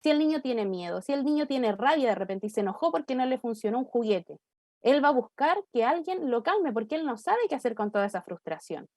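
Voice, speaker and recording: Higher-pitched Chilean woman, explaining. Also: animated, brisk, darkish tone, no echo, studio quality. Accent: Chilean Spanish. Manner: explanatory, acts out a child's words. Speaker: child development professional guest. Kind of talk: church talk show discussion.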